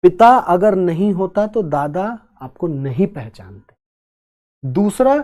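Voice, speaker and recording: In his exam-prep class, a man with a high-sitting, mellow voice walks students through material step by step, slowly and deliberately, with the occasional joke thrown in.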